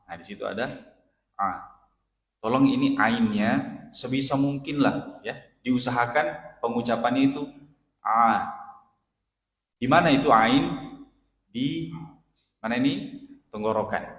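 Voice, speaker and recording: A male ustadz teaching Quran recitation in a mosque study session, patiently correcting pronunciation and chanting Arabic phrases slowly. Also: mid-range voice. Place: mosque hall. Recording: echoey mosque hall, roomy reverb.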